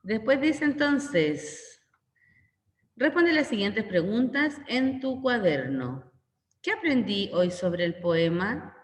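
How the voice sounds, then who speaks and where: Chilean lady teacher, slow and patient, rephrases every question, echoey room. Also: mid-range voice, big pitch swings. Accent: Chilean Spanish. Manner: instructional, repeats questions and explains. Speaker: primary school teacher. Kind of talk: recorded class walkthrough. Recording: echoey room with long reverb.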